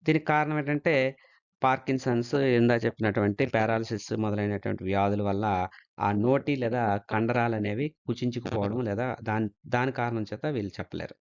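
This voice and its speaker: A man's voice: mid-range voice, steady tone, a little fast, lo-fi sound. A man teaching an exam-prep lesson, explaining step by step and mixing English terms into his talk.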